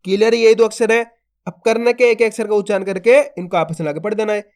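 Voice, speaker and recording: A man's voice: high-pitched, steady tone, fast, darkish tone. A man teaching a phonics lesson, sounding out each syllable and then stretching the blended word, speaking patiently to viewers he calls friends. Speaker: Hindi reading teacher.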